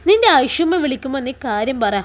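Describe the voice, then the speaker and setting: A woman's voice: sits high, sing-song, quick pace. A woman playing a caring teasing friend. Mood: consoling. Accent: Malabar Malayalam. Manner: comforting, scolding fondly.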